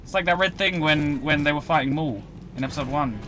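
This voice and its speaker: A young man chatting casually as he streams a video game, rambling and breaking into excited outbursts. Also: a little high, a little fast, background noise. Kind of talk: casual live-stream commentary.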